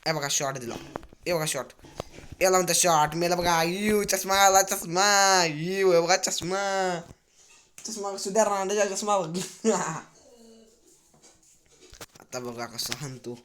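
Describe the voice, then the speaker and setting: A man giving excitable, cursing commentary on his own mobile shooter gameplay, telling viewers to keep watching. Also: fairly high pitch, a little hiss or hum. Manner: excitable, cursing trash talk. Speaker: mobile game streamer.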